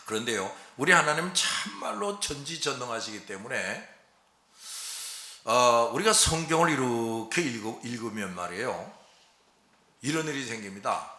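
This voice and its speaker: Folksy Korean pastor preaching in a roomy church. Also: male voice, mid-range voice, sing-song, normal speed, bright, forceful tone. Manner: folksy, keeps checking in with the congregation through rhetorical questions. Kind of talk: expository Sunday sermon.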